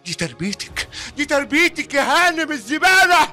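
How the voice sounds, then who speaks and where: An older father of a rich family in a radio drama, his Egyptian voice sharp and high. He repeats his curses and orders as he shouts, his pitch leaping about. Soft music plays under him. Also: sing-song, brisk, full character voice. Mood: furious. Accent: Egyptian Arabic. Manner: shouting, cursing, repeating himself. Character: wrathful wealthy patriarch, older father disowning his son.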